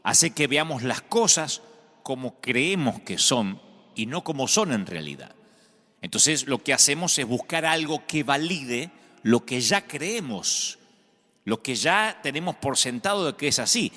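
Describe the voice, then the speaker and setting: Lively Argentine pastor in a reverberant hall. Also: male voice, mid-range voice, unhurried. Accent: Argentine Spanish. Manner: storytelling with humor, emphatic. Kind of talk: sermon.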